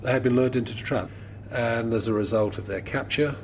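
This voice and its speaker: A man explaining historical objects and events for a documentary in a deliberate, explanatory manner. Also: medium pitch. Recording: background noise.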